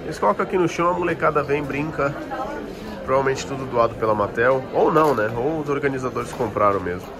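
Speaking fast in a mid-range voice over music, a Brazilian toy collector and vlogger with a Brazilian Portuguese accent gives a relaxed, slangy walk-around commentary. He's on the move at a busy toy convention, with crowd noise and chatter in the background.

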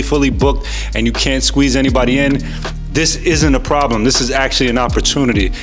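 A man in his thirties, a barbershop owner, giving business advice straight to camera in an emphatic, repetitive way, speaking into a boom-arm microphone. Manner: fast, emphatic, repeats words, addresses viewers as guys. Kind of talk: direct-to-camera tutorial talk. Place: indoor barbershop studio with wooden wall. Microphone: podcast mic on boom arm.

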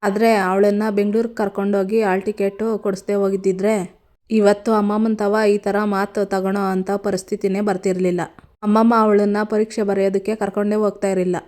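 A woman's voice: medium pitch, flat delivery, a little fast, darkish tone, lightly acted. A woman reading the lines of a remorseful young village man who pleads with his grandmother. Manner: pleading, guilty.

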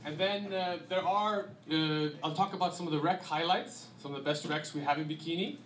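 A man in his thirties from Iceland with an Icelandic accent, giving a relaxed, conversational slide talk on a handheld mic with many fillers. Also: a little high, fairly quick, a little hiss or hum. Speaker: guest presenter. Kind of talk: slide presentation to an audience. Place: dim restaurant event room. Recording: echoey room.

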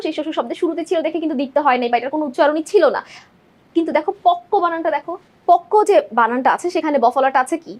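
High, quick-talking woman teacher. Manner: explains step by step, often checks in with "ঠিক আছে?" and "দেখো". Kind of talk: exam-prep lesson walking through multiple-choice answers.

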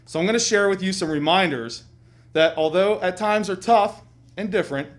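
A middle-aged man speaks as a school administrator, delivering a formal prepared address to students. His voice sits a little higher than most men's. He is seated at a desk in a small school studio. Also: moderate pace.

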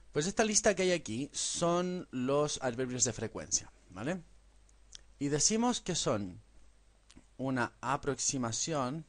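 In a classroom-style English lesson, a man with a voice on the high side talks, pronounces English words slowly for the listener to repeat, and keeps tagging sentences with a questioning "¿vale?".

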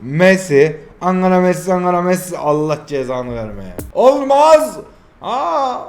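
A man in his twenties commenting casually while opening card packs in a mobile football game, pleading, groaning and cursing at his luck. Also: a little high. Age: 20s. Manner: exasperated, pleading, swings between groans and shouts.

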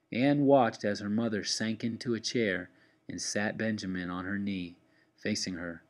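Low-voiced man reading a story aloud. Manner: steady, expressive reading with pauses. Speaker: teacher.

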